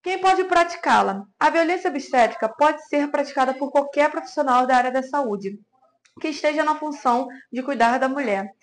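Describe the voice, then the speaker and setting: High-voiced woman reading narration. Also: lively intonation, moderate pace. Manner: reading aloud, informative. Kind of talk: scripted narration.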